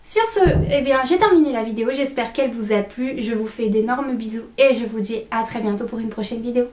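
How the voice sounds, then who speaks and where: A woman's voice: fairly high pitch, brisk, darkish tone. A young woman chatting enthusiastically through a shopping haul, with many fillers and restarts. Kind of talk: casual haul video talk. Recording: echoey room.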